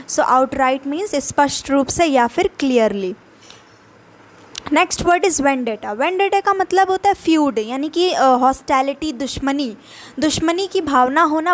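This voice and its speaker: A young woman with a high voice and an Indian English accent runs a vocabulary lesson. She reads each example sentence slowly, then explains it quickly in Hindi.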